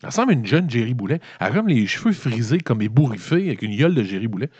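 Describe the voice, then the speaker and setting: Fast-talking Québécois man recapping a film. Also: medium pitch, husky, dry recording. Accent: Québécois French. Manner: swearing, animated, colloquial storytelling. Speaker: comedic movie reviewer. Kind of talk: rambling comedic film recap. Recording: dull, lo-fi dry recording.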